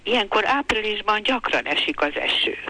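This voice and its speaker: An older woman reading a passage from her own memoir aloud in a calm, measured way. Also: mid-range voice, poor audio.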